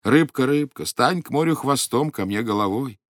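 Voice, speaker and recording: A man's voice: medium pitch, lively intonation, moderate pace, dry recording, studio quality, close to an everyday voice. A man voicing a meek, weary old fisherman who pleads and complains. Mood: calling out.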